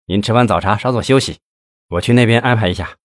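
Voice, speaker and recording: Man playing a smooth-talking boastful boss, deep voice, dry sound, audiobook. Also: fast talker, no room sound, close to an everyday voice. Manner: hearty, smooth-talking, flattering. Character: scheming middle-aged male official-businessman, glib and boastful.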